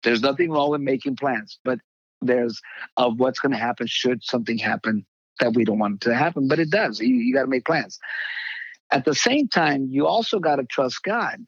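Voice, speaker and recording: An older man, a pastor, telling a personal testimony in halting conversational speech, acting out the voices he quotes. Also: medium pitch, breathy edge, dry recording, lo-fi sound. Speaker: pastor, guest.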